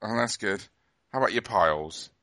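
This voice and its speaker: A man's voice: fairly low pitch, normal speed, pushed and bright, no echo. A man co-hosting a podcast, teasing his co-host with dry humor in casual chat.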